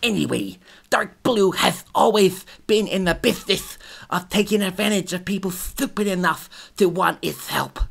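A man's voice: extremely high pitch, unhurried, few pauses, bright, forceful tone, voice pushed up, heavily acted. A woman voicing a male shark demon thug who drawls and taunts in a put-on accent. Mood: nervous bragging.

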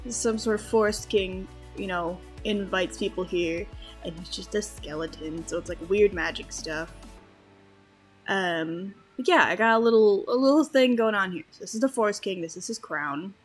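A woman talks her way through a game session in a loose, rambling way, leaning on fillers as she goes. Her pitch sits in an ordinary middle range. Soft music plays faintly behind her. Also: normal speed. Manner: rambling, chatty, lots of fillers. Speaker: Minecraft let's-player. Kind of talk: casual gameplay commentary.

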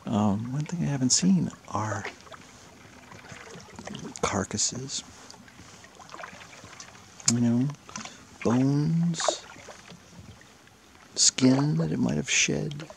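A man paddling a kayak along a rocky lakeshore, talking excitedly to the camera and often dropping to a whisper. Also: medium pitch, extremely slow, gravelly, pauses often. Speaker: vlogger hunting for a lake monster. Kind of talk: casual first-person narration while paddling. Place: outdoors on a lake by rocky shore, in a kayak. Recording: outdoor camera audio with water and paddle noise. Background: water and paddling sounds.

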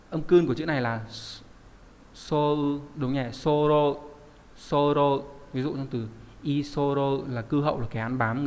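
A man's voice: medium pitch, darkish tone, long reverb tail. A man teaching a kanji lesson in a chatty way, often asking the class rhetorical questions. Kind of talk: online lesson explaining kanji.

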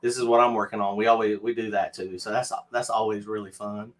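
A middle-aged man with a North Carolina Southern accent hosts a livestream from his indoor home craft studio. He talks quickly in a lowish, flat voice, rambling casually and self-deprecatingly with many fillers and restarts.

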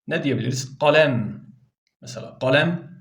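A man's voice: mid-range voice, normal speed, darkish tone. A man teaching Arabic letter sounds for Quran reading, repeating each sound aloud patiently.

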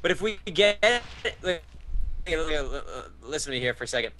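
A man chatting over a game, goofy and excitable, repeating silly catchphrases. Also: fairly high pitch, brisk, slight background noise. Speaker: gamer co-host. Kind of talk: casual gaming banter.

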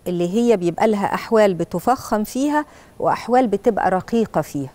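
A woman with an Egyptian accent who preaches and teaches Quran recitation to children. She explains each rule step by step and recites verses slowly to model them. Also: mid-range voice, a little mellow, no room sound. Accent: Egyptian Arabic.

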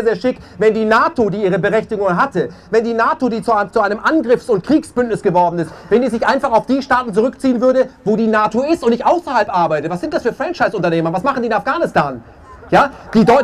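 A man with a very high-pitched voice delivers a heated speech at an outdoor demonstration. He talks emphatically and keeps checking in with the crowd. A faint murmur of people and street noise sits behind him. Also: fairly bright tone. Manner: emphatic, keeps tagging questions with "ja?". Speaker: speaker at a peace rally. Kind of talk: impassioned protest speech.

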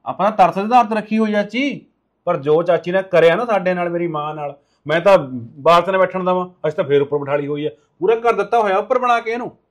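A man's voice: high voice, quick pace, close to an everyday voice. A man playing a stern husband who lectures his wife insistently.

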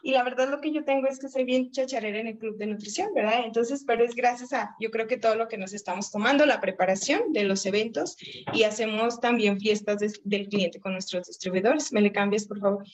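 Over a video call, a network marketing trainer in her late thirties talks in a fairly high-pitched voice at a brisk pace. Her motivational training talk is chatty, and she regularly asks questions only to answer them herself.

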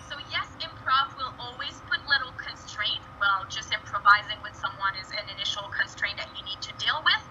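Bright-voiced woman with a French accent. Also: medium pitch, lively intonation, fairly quick, hardly any pauses. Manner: earnest, with frequent fillers and restarts. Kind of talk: prepared presentation talk. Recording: dull lo-fi recording with faint noise.

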